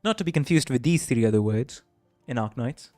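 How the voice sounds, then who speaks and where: A man's voice: medium pitch, lively intonation, fairly quick, a little mellow, dry recording, soft background music. A man livestreaming a game, chatting casually and reading the dialogue aloud, laughing often and tripping over words.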